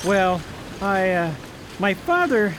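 A man's voice: high voice, very animated, takes it slowly, noisy background, full character voice. A man playing an earnest, plain-spoken young prince and boy sailor in a radio play. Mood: hesitant, puzzled. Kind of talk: theatrical radio play acting.

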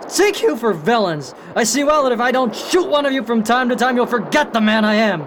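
An actor playing a brutal, hot-tempered pirate captain in a period radio drama, barking threats and orders. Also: male voice, very high-pitched, big pitch swings, brisk, a bit bright, slight background noise, full character voice. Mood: enraged.

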